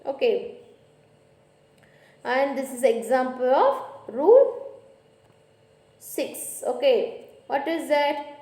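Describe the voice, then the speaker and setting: Indian English woman, college grammar teacher, mellow high voice, echoey room. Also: lively intonation. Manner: slow, repetitive, says "okay" often. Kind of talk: grammar lecture.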